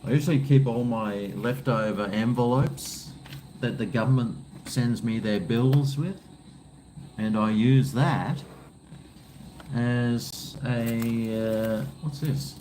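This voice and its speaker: A man's voice: mid-range voice, slow pace, warm tone, poor audio. A man with an Australian accent chatting casually to his viewers in a laid-back, blokey, rambling way. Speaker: livestream cooking vlogger. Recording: faint background noise.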